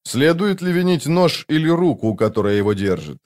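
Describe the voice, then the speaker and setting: A man's voice: fairly high pitch, very animated, moderate pace, darkish tone, voice pushed up. A man voicing a cold, curt soldier captain. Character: grim hardened male soldier captain.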